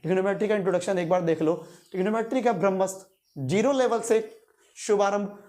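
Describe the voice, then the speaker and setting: A man's voice: high voice, fast, a little mellow. A male teacher giving a classroom lecture, quizzing his students in call-and-response and repeating key terms to stress them.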